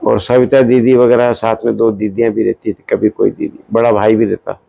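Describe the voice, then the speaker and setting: A man telling a lively personal story as an interview guest, acting out the people he quotes in casual conversation. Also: on the low side, moderate pace, vocal fry, no room sound, dull audio.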